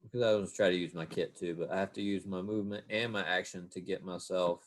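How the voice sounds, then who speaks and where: A man's voice: deep voice, fairly even intonation, fast talker. A man playing a tabletop game in casual chat, laid-back and calling everyone man. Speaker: player.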